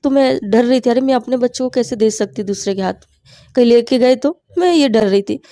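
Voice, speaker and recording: Earnest woman with a creaky voice. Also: a little high, a little fast, warm tone, no echo. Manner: earnest storytelling, often quoting her own prayers. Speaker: testimony speaker.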